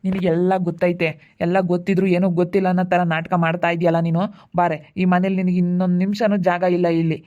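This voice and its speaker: A woman playing a furious fast-talking in-law. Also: on the low side, little pitch movement, highs cut off, close to an everyday voice. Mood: angry. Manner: shouting, harsh, rapid. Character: angry in-law throwing someone out of the house.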